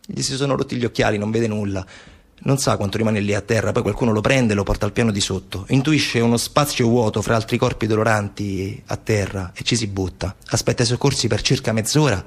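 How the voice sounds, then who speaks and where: A stage actor and narrator delivers a dramatic theatrical monologue, telling a story with emphatic, repetitive, almost incantatory phrasing. His voice is lowish and brisk, with a breathy edge.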